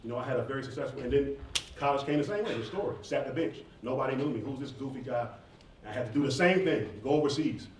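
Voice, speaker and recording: Speaking at a quick pace with a mid-range voice, a male rapper in his thirties takes questions from students at a campus event. He's conversational and emphatic in this informal Q&A. The mic sits far off in an echoey indoor room, leaving faint noise in the sound.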